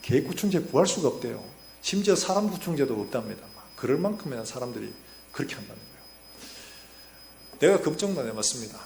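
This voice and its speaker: A man, a pastor preaching a sermon in a church. He tells stories and acts out the quotes, getting louder and softer as he goes. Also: fairly high pitch. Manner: storytelling with acted-out quotes, rising and falling loudness. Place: church sanctuary. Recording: echoey church hall with faint hum.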